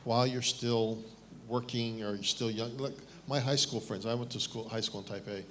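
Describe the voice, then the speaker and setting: A man's voice: medium pitch, fairly even intonation, normal speed, a bit bright, slight background noise. Candid middle-aged man from Taiwan. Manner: candid, self-deprecating, many restarts. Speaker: panelist. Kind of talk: fireside chat on stage.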